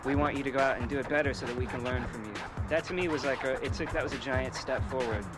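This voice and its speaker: A man's voice: medium pitch, fast. A man explaining thoughtfully in a documentary interview. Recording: interview under loud music. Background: loud music.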